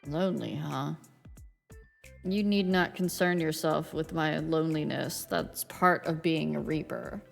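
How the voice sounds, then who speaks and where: A woman's voice: low voice, fairly even intonation, unhurried, gravelly, soft background music, pitched below the performer's own voice, heavily acted. A woman voicing an aloof, brooding male Grim Reaper in a romance game, speaking in a stiff, formal, disdainful way. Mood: aloof, guarded. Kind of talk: dramatic reading of a romance visual novel.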